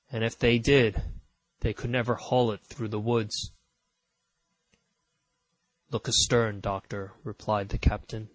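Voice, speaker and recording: Man reading a story aloud, slow and measured, middle voice, dry close mic. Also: medium pitch, no echo, low-quality recording. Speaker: audiobook narrator. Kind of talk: scripted audiobook narration.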